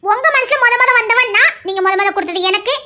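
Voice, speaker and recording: A woman's voice: very high voice, quick pace, sharp tone, heavily acted. A woman voicing a stubborn, loving young wife in an audio drama, talking earnestly and insistently. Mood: devoted, pleading.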